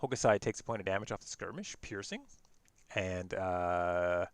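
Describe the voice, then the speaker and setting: A man giving casual play-by-play commentary on a card game, relaxed and quick to laugh. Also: low-pitched, clean tone, no echo. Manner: relaxed, laughs easily, self-correcting.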